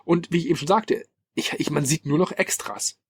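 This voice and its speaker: A podcast host presents a ranking on a casual retro-gaming show, talking in an opinionated, emphatic, colloquial way. His husky voice is a little high and a little fast, and there's no echo.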